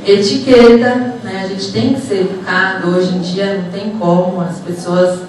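Here the same psychologist and HR professional speaks at normal speed with a medium pitch, fairly even intonation and a slightly mellow quality. Her informal motivational lecture to students in the auditorium stays conversational, dotted with short tag questions. The sound comes through her handheld mic and the hall speakers, recorded distantly in a very echoey, noisy space.

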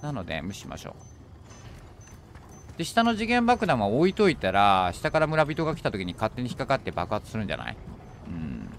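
A man streaming a horror game, thinking aloud as he plays and bursting into alarmed shouts when enemies appear. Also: medium pitch, huge pitch swings, a little fast, a little hiss or hum. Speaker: gaming streamer. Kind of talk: horror game let's play commentary.

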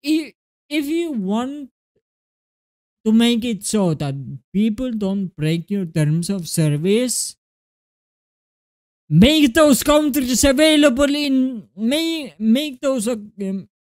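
A young man with an Estonian accent ranting to his webcam, exasperated and swearing, with halting restarts. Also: high-pitched, expressive, a little mellow. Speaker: gaming video creator. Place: small indoor room at a desk. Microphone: webcam close up.

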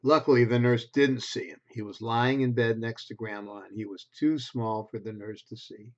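A man in his sixties reads a picture book aloud to preschoolers at a normal speed, his voice at a medium pitch. He's expressive, keeps his phrases simple, and adds little asides for the kids. The recording comes from a computer webcam at desk distance in a small bedroom at home, so it sounds dull and lo-fi.

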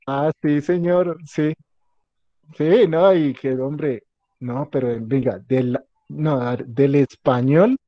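A male teacher with a medium-pitched voice speaks slowly in an informal class, repeating ideas, joking, and frequently asking the students if they're with him. The recording has no room sound and its highs are cut off.

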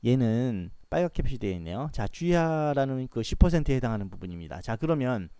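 A man teaching pronunciation in a patient lesson, repeating each sound clearly for students to copy. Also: medium pitch, very animated, fairly quick, mellow, no room sound, clean studio sound. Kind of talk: explanatory lesson with modelled sounds.

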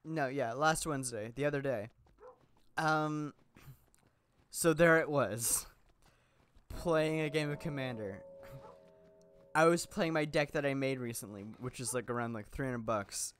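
A man's voice: medium pitch, unhurried, long pauses, fairly bright tone, slight background noise. A young man giving casual, rambling gameplay commentary, chatty, laughing often, with lots of fillers and restarts, sounding a little sick. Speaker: gaming YouTuber.

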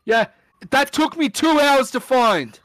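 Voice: sits high, expressive, slow pace, a bit bright, no room sound. A laid-back friend making short, dry remarks during a casual game session. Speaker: gaming friend. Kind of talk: casual gaming chat.

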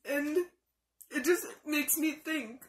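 A young adult woman, tearful and crying as she vents in an emotional, confessional vlog, speaking haltingly with weepy laughs. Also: sits high, fairly even intonation. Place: small room indoors. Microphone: phone or webcam at arm's length.

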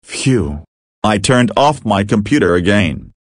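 A man's voice: fairly low pitch, lively intonation, slow. A man playing a computer user who talks back defiantly. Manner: defiant, mocking.

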